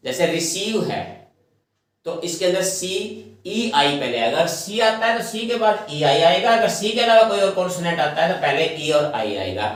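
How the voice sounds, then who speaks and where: A male teacher runs an exam-prep spelling lesson, his fairly high voice rising and falling a great deal. He spells each word slowly, letter by letter, and says it again and again. The recording rings with heavy room echo. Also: fairly bright tone. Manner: spells words letter by letter, slow and deliberate; repeats each word several times. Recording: very echoey room.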